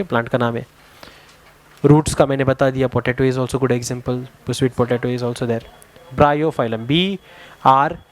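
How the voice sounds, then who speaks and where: A man with an Indian accent teaching a science lesson to a class, mixing two languages, pausing to search for words. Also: mid-range voice, a little mellow. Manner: explains in a Hindi and English mix, spells words out; halting, searches for words with many fillers.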